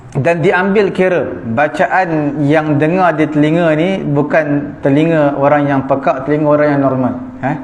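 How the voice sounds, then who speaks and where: A man with a Malaysian Malay accent giving an evening religious lecture as a teacher, explaining points in a measured way with fillers and quick check-ins to his listeners. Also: on the high side, steady tone, a little mellow, slight background noise. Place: prayer hall of a small mosque. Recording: echoey prayer hall.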